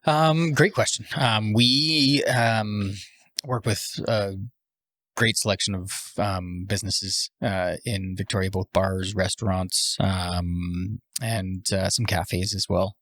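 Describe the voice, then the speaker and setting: A Canadian man who owns a cafe and roasts coffee, talking casually in a podcast interview and pausing often with fillers. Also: fairly low pitch, steady tone, a bit bright, no room sound. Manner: hesitant, frequent "um" fillers.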